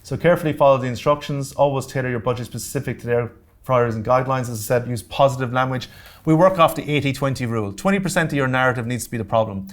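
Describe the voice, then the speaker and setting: Irish guy teaching a grants workshop, straight to the point, cracks jokes, mid pitch. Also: fast talker. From Ireland. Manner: direct, joking asides, checks in with the audience. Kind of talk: workshop lecture to a live audience. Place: community centre meeting room.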